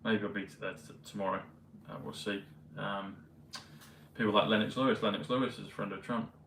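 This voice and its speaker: A man vlogging in a meandering, hesitant casual monologue full of pauses and fillers. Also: lowish voice, fairly even intonation, fairly bright tone, slight background noise. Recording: roomy, mic at a distance, faint ambience.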